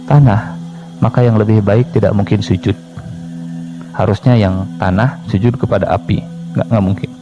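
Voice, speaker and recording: A male preacher with a Sundanese accent giving a lively, joking sermon and speaking straight to his congregation. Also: fairly low pitch, lo-fi sound. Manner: lively, joking, addresses the audience directly. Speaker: Islamic preacher. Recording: music playing underneath.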